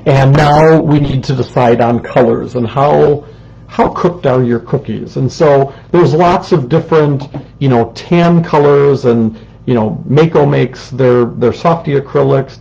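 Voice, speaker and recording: Man, ceramics instructor, chatty explanations, mellow tone, dull lo-fi desk mic sound. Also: medium pitch, measured pace, gravelly. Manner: chatty, explanatory, says um often. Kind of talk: live-streamed craft demonstration. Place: indoor studio with a fan running. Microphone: desk microphone, sitting close.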